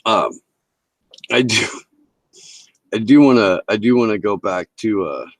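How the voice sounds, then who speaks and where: Deep-voiced man ranting on a livestream headset. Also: expressive, unhurried, no room sound, rough recording. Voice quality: low-pitched voice. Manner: heavy casual swearing, emphatic, opinionated. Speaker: livestream talk show host. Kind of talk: casual political rant to a live chat.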